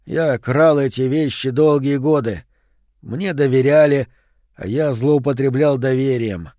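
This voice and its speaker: A man voicing a hoarse half-mad recluse. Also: mid-range voice, a little slow, mellow, no echo, studio quality, lightly acted. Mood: weary.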